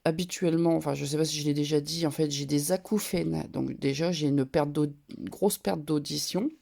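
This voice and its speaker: A woman with a head cold, talking through her nose and a bit loudly as she chats casually through a craft haul. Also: low-pitched, steady tone, normal speed, vocal fry. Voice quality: nasal. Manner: talks a bit loud, chatty with fillers. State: congested from a cold, nasal. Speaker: scrapbooking vlogger. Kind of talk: casual haul show-and-tell.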